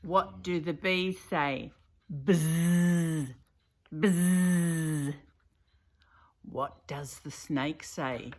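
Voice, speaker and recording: A woman's voice: deep voice, takes it slowly, few pauses, husky. An older woman reading a picture book of sounds aloud to a grandchild, playfully imitating animals and noises.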